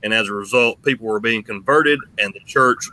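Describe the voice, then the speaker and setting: A man's voice: lowish voice, fairly quick, pushed and bright, rough recording. A man hosting a conversational interview about faith, speaking as an interviewer who also adds his own commentary. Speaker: interviewer, host. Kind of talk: conversational religious discussion.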